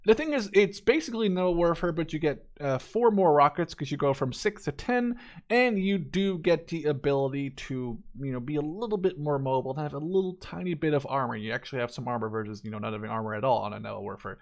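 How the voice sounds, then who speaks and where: A Dutch gaming YouTuber in his twenties reviews a game deck, talking quickly in a fairly high voice. His commentary is unscripted, rambling and opinionated, with a casual, informal feel.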